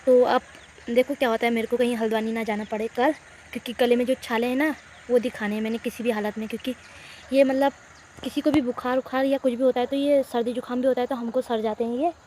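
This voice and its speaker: A young woman with a fairly high voice, chatting to her viewers in a relaxed village vlog while nursing a cold. She talks straight into a phone outdoors, with faint insects and a light hiss behind her. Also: fast. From Uttarakhand hills, India. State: has a cold and sore throat. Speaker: village vlogger. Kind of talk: casual vlog chat.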